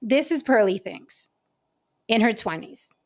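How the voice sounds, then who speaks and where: A woman in her late forties hosting a casual panel talk show, telling stories in a chatty, animated way with many asides. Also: a little high, measured pace. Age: 40s.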